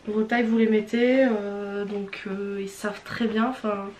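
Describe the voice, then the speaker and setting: Mid-range and darkish, her voice barely moves in pitch and keeps a measured pace. She's a young vlogger with a Swiss French accent and a cold, unboxing and trying on clothes in hesitant, candid chat packed with fillers and restarts. The space sounds roomy, with faint background noise.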